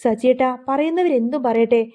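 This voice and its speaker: A loyal young wife who speaks her mind, firm and outspoken, read by a woman narrator. High and mellow throughout. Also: brisk, close to an everyday voice.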